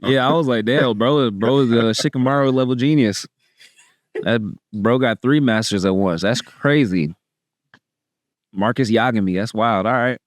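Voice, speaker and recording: A man's voice: mid-range voice, normal speed, dry recording, clean studio sound. A man hosting a podcast, joking around in casual street slang with plenty of swearing. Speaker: podcast host.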